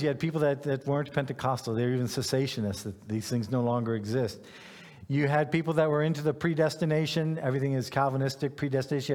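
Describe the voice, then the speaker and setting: A middle-aged Ghanaian pastor from West Africa gives an informal, conversational sermon full of anecdotes and self-deprecating humor. His voice is medium-pitched and a little mellow, and a long hall reverb surrounds it.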